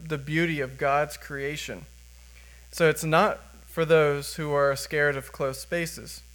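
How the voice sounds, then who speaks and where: A man's voice: on the high side, fairly bright tone. A young American man giving a sermon with personal testimony as a first-time preacher, speaking plainly and earnestly. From United States.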